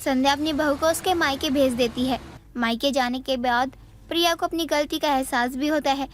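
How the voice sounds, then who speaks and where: High-voiced woman narrating a story. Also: moderate pace, a little hiss or hum.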